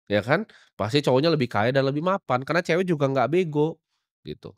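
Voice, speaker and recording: A man's voice: on the high side, brisk, no room sound, clean studio sound. A young man delivering a blunt, scolding motivational rant as a podcast host, full of slang and confrontation. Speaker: podcast host giving life advice.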